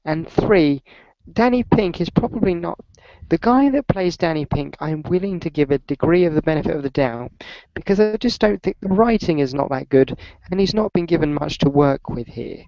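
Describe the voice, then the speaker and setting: A man co-hosting a fan podcast, steering the talk in a measured way with hesitant fillers. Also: on the high side, animated, warm tone, no echo. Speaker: podcast co-host. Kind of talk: casual fan chat. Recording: dull lo-fi dry recording.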